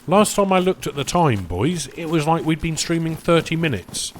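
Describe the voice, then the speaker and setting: A man's voice: on the high side, sing-song, normal speed, a little hiss or hum. A man chatting casually to his viewers while streaming a game, rambling between topics and eating as he talks. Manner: rambling, chatty, addresses chat as "boys"; talks while eating, mouth full at times. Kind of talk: casual live-stream chat.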